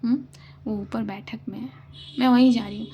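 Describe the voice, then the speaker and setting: A woman voicing a stern but tender older mother-in-law in a whispered role-play, teasing and commanding in a soft voice. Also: on the high side, steady tone, normal speed, highs cut off, slight background noise, natural voice. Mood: indulgent.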